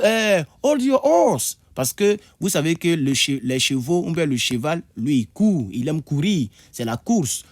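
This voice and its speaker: A man teaching English idioms in a video lesson, repeating words and jumping high to act out phrases. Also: no room sound. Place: indoor room with a board.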